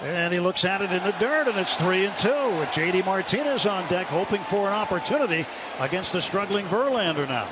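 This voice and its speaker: This radio play-by-play announcer, who has an American accent, calls a live baseball game from the stadium broadcast booth in a high-pitched, animated voice and at a fairly quick pace. The audio comes from a noisy live ballpark broadcast.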